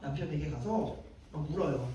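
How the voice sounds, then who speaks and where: A man's voice: fairly high pitch, normal speed, warm tone, slight background noise. A male pastor preaching to a young adults group, chatting with the audience, putting questions to them and acting out the lines he quotes. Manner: conversational, quizzes the audience and acts out quoted lines. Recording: echoey room heard from a distance.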